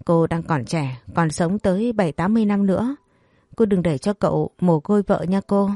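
Woman doing a scared little servant girl, whiny pleading, low mellow voice. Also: normal speed, no echo, clean studio sound. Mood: wailing. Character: frightened young servant girl, wailing.

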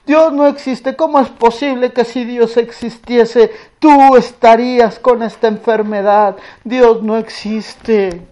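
A woman preacher voicing a grieving father, a doctor, who slowly and bitterly asks why his son suffers. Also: on the high side, fairly even intonation, warm tone, muffled recording. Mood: anguished defiance. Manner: anguished, slow, pleading questions.

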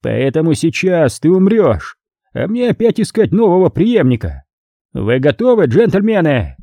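A man's voice: on the high side, sing-song, a little slow, mellow, no room sound, voice pushed up, exaggerated voice. A man voicing a ruthless, mocking middle-aged male crime lord in an audiobook, speaking in a sneering, imperious way. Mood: furious.

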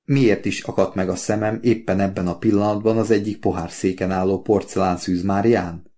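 A man narrating a novel in the first person, measured and wry. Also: deep voice, steady tone, mellow. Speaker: audiobook narrator.

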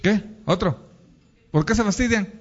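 A man's voice: high voice, measured pace, dull audio, faint music behind. A man preaching to a congregation in a playful, teasing way, quizzing couples and asking the audience questions. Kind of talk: lively sermon with audience questions.

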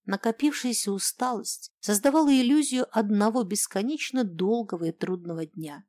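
A woman's voice: medium pitch, moderate pace, a little mellow, dry recording. Woman reading a story, dry sound. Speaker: audiobook narrator. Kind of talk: scripted narration.

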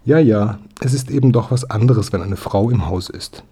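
A man voicing a cheeky, cheerful little girl who chatters brightly. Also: on the low side, normal speed, slightly rough. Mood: chirpy. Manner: chirpy, chatty.

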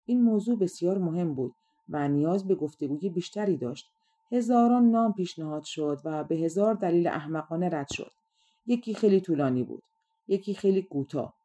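Audiobook narrator, woman; calm measured storytelling, lowish and mellow.

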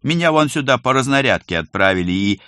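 A man voicing a brash, quick-witted young clerk who talks in a cocky, offhand way, in a storybook reading. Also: medium pitch, expressive, bright, forceful tone, smooth, no echo, clean studio sound, voice pushed up. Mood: indignant.

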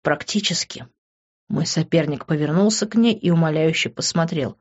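A woman narrating a first-person audiobook in a measured storytelling voice. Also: low-pitched, darkish tone. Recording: dull lo-fi recording.

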